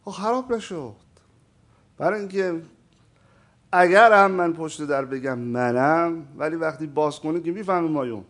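A man's voice: fairly high pitch, a bit bright. A man teaching a theology lesson, speaking emphatically and often putting questions to his listeners. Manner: emphatic, keeps asking the audience questions; addresses listeners as "sir". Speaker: religious teacher. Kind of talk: lecture on theology.

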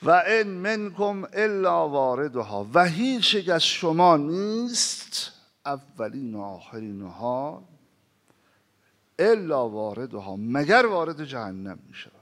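A man preaching a sermon who recites scripture slowly and asks the listeners rhetorical questions, swinging between loud emphasis and hushed pauses. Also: on the high side, big pitch swings. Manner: recites Arabic scripture in a slow chanting cadence, then explains it.

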